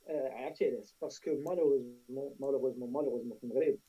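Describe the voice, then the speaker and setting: Fast-talking Moroccan man, very mellow. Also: mid-range voice, husky, far from the mic, highs cut off. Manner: emphatic, repeats phrases, switches into French. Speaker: tech talk panelist. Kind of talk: casual tech discussion.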